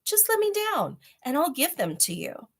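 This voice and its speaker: A woman's voice: high-pitched, huge pitch swings, moderate pace, breathy edge, voice pushed up, exaggerated voice. A woman voicing a polite, eager young boy in a children's storybook, earnest and pleading. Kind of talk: children's storybook read aloud.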